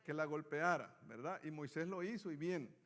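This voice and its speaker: A man's voice: on the high side, moderate pace, a bit bright. A man teaching a Bible study class, reading scripture aloud and putting questions to his students.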